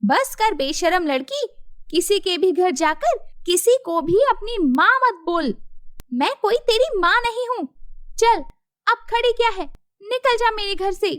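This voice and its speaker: A woman's voice: very high voice, expressive, a little slow, fairly bright tone, no echo, clean studio sound, exaggerated voice. A woman doing a stern, scolding cartoon mother. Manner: scolding, brusque. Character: stern middle-aged mother, sharp-tongued.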